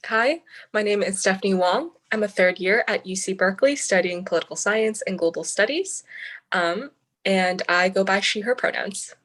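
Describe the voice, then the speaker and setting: This fairly bright, medium-pitched female voice moves at a moderate pace. It belongs to a young adult student senator from the San Francisco Bay Area who gives earnest, well-spoken interview answers sprinkled with frequent "um" fillers.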